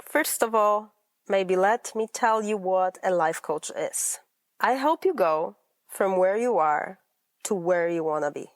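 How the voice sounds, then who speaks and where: In clean studio sound with no room tone, a life coach in her thirties from Poland delivers a scripted monologue on her own podcast. She speaks at a medium pitch in an earnest, personal manner, her Polish accent showing in rolled R's.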